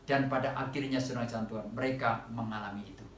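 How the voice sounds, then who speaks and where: A man preaching a sermon to a congregation at an online church service, often calling out to them and rising loud on quoted cries for help. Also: mid-range voice, fairly even intonation, fast talker, reverberant, recorded from a distance, slight background noise.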